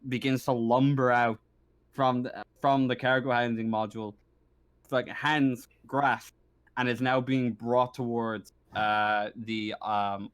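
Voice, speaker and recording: With a clear, resonant, medium-pitched voice, a man serves as game master and improvises narration for a tabletop roleplaying game. His delivery is halting, marked by frequent stammering and repeated words.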